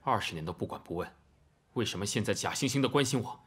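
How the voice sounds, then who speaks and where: A man's voice: fairly low pitch, lively intonation, quick pace, slightly rough. An actor in his twenties playing a cold, resentful grown son in a TV drama, speaking with passive-aggressive sarcasm. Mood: cold resentment. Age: 20s. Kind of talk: Chinese TV drama acting.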